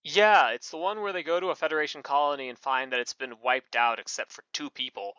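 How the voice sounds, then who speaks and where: A man's voice: a little high, a little fast, pushed and bright, clean tone, no echo. A man co-hosting a podcast in casual chat, rambling with many fillers and self-corrections. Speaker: podcast co-host. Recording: muffled lo-fi mic.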